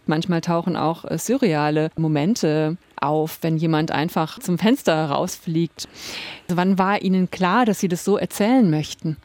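A woman hosting a literary radio podcast, asking clear questions and reading announcements in a composed way. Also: on the low side, a little mellow, no room sound. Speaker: radio host.

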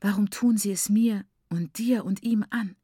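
A woman's voice: medium pitch, unhurried, warm tone, breathy edge, no room sound, clean studio sound. A woman voicing a desperate, starving teenage girl who swings between bitter whispers and fury, in an audiobook. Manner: whispers, hisses, then screams in fury.

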